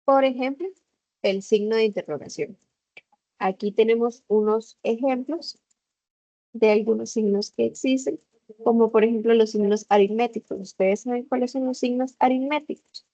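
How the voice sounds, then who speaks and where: A woman's voice: fairly high pitch, steady tone, dark tone, dry recording. Woman teaching an online class. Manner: explains slowly, asks the class questions. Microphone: video call. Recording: slightly dull video call audio.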